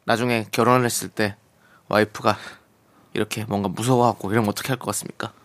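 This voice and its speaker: A man co-hosting a radio show in a studio, brisk and affirming in casual chat. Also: fairly low pitch, steady tone, fairly bright tone, dry recording. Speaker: radio co-host.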